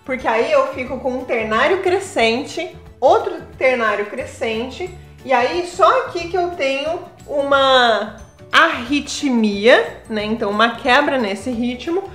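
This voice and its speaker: A woman's voice: sits high, unhurried, fairly bright tone, echoey room, faint music behind. A woman giving a casual video lesson on poetry, explaining patiently and enthusiastically. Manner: explains patiently, pointing at verses on screen; enthusiastic about the verses. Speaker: poetry teacher.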